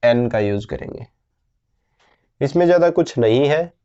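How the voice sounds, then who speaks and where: A man teaching a grammar lesson, explaining slowly and patiently and asking his students questions as he goes. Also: medium pitch, lively intonation, mellow, clean tone, dull audio.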